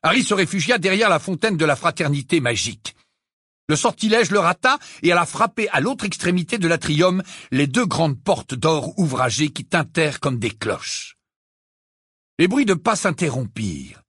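An audiobook narrator reading a fantasy tale with dramatic, expressive delivery. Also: medium pitch, moderate pace, breathy edge, no echo, studio quality. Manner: expressive, lively storytelling.

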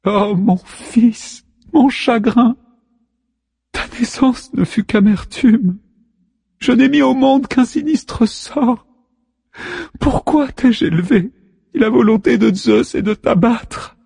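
A man voicing a grieving sea goddess mother who speaks softly, consoling and lamenting her son. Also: high voice, measured pace, husky, no echo, clean studio sound, in a large hall, voice pushed up, heavily acted.

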